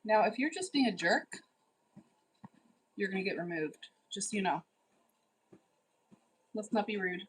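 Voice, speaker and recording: A woman in her forties hosts a casual livestream and reads out her viewers' comments. Her voice is husky and sits at an ordinary pitch. She teases them and firmly scolds anyone who gets out of line. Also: lively intonation, a little slow, long pauses, poor audio. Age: 40s. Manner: teasing, bossy, scolds viewers. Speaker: livestream host. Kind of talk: casual live chat reading.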